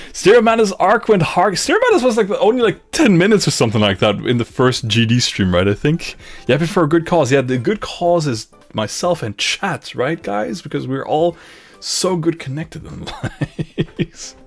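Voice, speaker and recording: A young man with a Dutch-Flemish accent, raised in Luxembourg by Dutch parents and now living in Belgium, streams casually from his home gaming room, laughing a lot and repeating himself as he reads chat aloud. His voice is on the high side with big pitch swings at a normal speed, captured on a boom-arm studio mic while he wears headphones.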